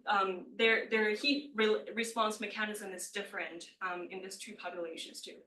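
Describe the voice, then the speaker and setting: A woman's voice: mid-range voice, bright, forceful tone, slight background noise. A young woman giving an academic thesis presentation in a hesitant, hedging way, often stumbling over words and starting them again. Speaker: doctoral candidate presenting a thesis defense. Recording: echoey room, far from the mic.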